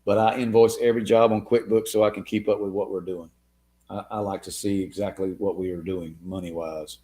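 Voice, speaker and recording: A man's voice: on the low side, level tone, fairly quick, warm tone. A man hosting a casual live Q&A stream, answering viewer comments in a laid-back way and calling listeners man and dude. His voice is wearing thin. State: losing his voice.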